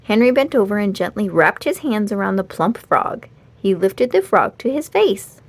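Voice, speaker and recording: Narrating a children's storybook, a woman uses an expressive read-aloud manner, her voice medium-pitched and her speed normal.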